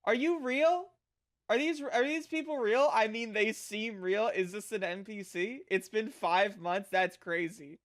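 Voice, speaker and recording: A livestreamer chatting casually with viewers in a cute anime-streamer manner, animated and sweary, with bubbly delivery. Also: mid-range voice, a little slow.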